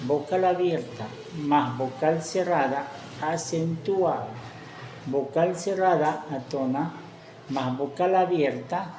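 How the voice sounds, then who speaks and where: A woman teacher gives a grammar lesson at a very slow, deliberate pace, spelling out each example word on its own. Her voice sits at a middle pitch and carries an echo off the room's walls, with a faint hum of ambience behind her. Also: dark tone.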